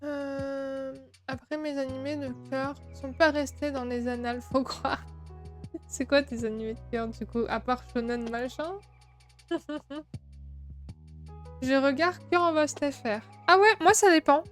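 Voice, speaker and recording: A woman's voice: high-pitched, fairly even intonation, a little slow, long pauses, faint music behind. A woman in her twenties, a streamer, chatting casually and laughing often as she answers chat while painting at her craft table. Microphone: streaming microphone.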